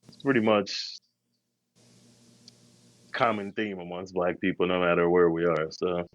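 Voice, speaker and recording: Deep dude rambling about trips, slangy, kinda muffled dry audio. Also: male voice, fairly even intonation, a little slow, dry recording. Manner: slangy, laid-back, rambling. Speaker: podcast co-host. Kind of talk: casual travel storytelling.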